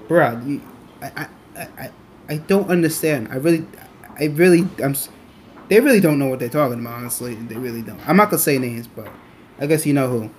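A man's voice: fairly high pitch, a little hiss or hum. A young man hosting a rambling solo podcast, talking in loose, restarting sentences. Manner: rambling, many restarts and fillers. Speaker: podcast host. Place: on his way to a train station.

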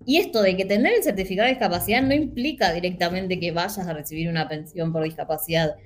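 Talking quickly in a fairly low voice, a Rioplatense-accented Argentine woman joins a casual panel. She comes across as earnest and lively, with frequent fillers.

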